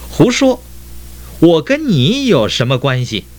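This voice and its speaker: Storybook rainbow, vain and shrill, yelling proud retorts, as a man puts it on. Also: wildly swooping pitch, a little slow. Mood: angry. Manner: arrogant, shouting back.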